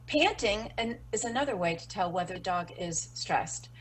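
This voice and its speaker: A woman's voice: mid-range voice, animated, moderate pace, slight background noise, low-quality recording. Woman explaining dog stress signals casually. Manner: explanatory, many fillers. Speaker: dog training instructor. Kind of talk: webinar lesson.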